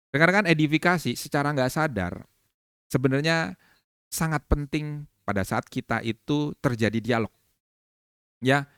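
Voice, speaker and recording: A man with an Indonesian accent giving a motivational business training talk, lively and acting out quoted dialogue with laughs. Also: a little high, smooth, no echo, studio quality.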